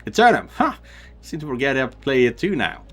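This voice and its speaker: A man's voice: mid-range voice, very animated, fairly quick, faint music behind. A man voicing a playful, nosy older sister who wheedles and teases her sibling. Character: teasing affectionate older sister, young woman.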